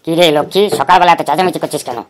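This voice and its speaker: A woman's voice: deep voice, rapid-fire, a little hiss or hum, close to an everyday voice. A woman voicing a lazy, sleepy, food-loving male god and father in a cartoon, with a rambling, grumbling, easygoing manner. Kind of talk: cartoon voice acting.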